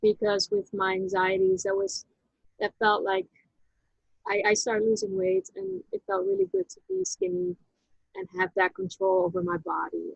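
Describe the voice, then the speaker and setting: A woman speaks in a very high voice full of gravelly fry. She tells her story haltingly and reflectively, restarting her sentences often. The recording is dry and dull, with a lo-fi sound. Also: no echo. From Netherlands. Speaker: interview guest. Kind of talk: personal story in a casual interview.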